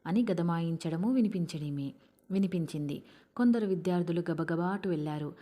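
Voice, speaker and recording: Low, mellow woman narrating a novel. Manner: measured storytelling. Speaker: audiobook narrator.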